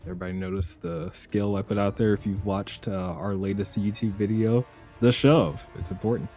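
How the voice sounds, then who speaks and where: A man giving relaxed, chatty live commentary while streaming a survival game, laughing often. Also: lowish voice, fairly quick, faint music behind.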